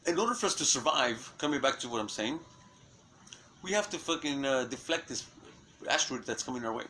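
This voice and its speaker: A man's voice: medium pitch, animated, brisk, sharp tone, slight background noise, rough recording. A man in an unscripted monologue, rambling through restarts and fillers and swearing often. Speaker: self-styled messenger giving a prophecy.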